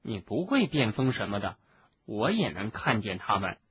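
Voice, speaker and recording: A man voicing a dreamy, serene teenage girl in an audiobook, speaking softly and airily. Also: lowish voice, very animated, moderate pace, slightly rough, dry recording, exaggerated voice. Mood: calm. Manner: soft, airy and unbothered. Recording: narrow phone-like sound, faint hiss.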